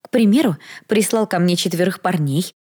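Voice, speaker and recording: A woman voicing a sharp-tongued, defiant young bride who snaps back with scorn. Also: lowish voice, normal speed, slightly rough. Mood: snappish. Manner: snappish, scornful.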